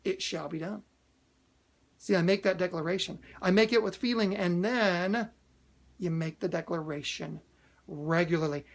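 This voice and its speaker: A man hosting a motivational video, talking earnestly to camera, repeating key phrases for emphasis and restarting often with fillers. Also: high-pitched. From United States. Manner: hesitant restarts with frequent uhs.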